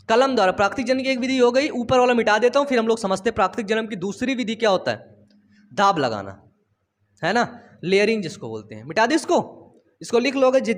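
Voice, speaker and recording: A young man teaching biology in a casual online lesson, chatty and teasing, repeating phrases. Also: extremely high pitch. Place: home studio.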